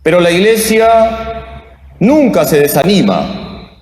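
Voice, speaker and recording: A male priest reading the Gospel and preaching slowly and deliberately, chanting the responses, heard in a large church with a cathedral echo. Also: high-pitched, animated, a little mellow. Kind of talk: Mass reading and homily. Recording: echoey church, voice from afar.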